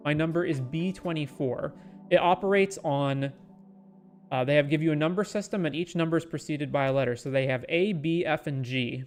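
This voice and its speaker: Exasperated man ranting a long story. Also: a little high. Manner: exasperated, rambling anecdote with quoted asides. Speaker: streamer telling a story. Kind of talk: casual storytelling.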